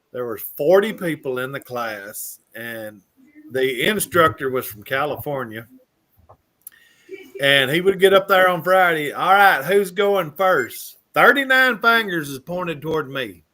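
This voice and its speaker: A man's voice: a little high, bright, forceful tone. Folksy Southern man telling a story. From Mississippi, US. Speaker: guest sharing his story. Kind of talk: casual storytelling.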